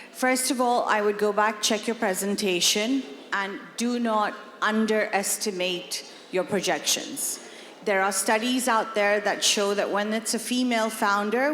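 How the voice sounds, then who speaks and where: A woman's voice: mid-range voice, fairly bright tone. A woman panelist giving confident, emphatic advice on stage at a forum. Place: large conference hall. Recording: echoey hall, long reverb.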